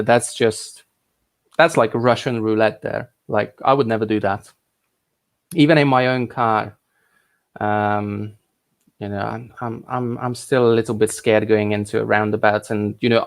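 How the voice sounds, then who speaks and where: A man born in Hungary and raised in England, hosting a casual live stream and chatting in a rambling way with lots of restarts and asides. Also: mid-range voice. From Hungary, raised in England from thirteen. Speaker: livestream host answering viewer questions.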